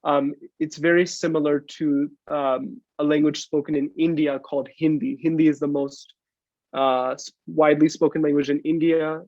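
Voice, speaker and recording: A man with a rather high voice chats casually on a podcast and jumps in eagerly with his own thoughts. His mic sounds slightly dull and lo-fi. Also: level tone, moderate pace, darkish tone, no room sound. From United States.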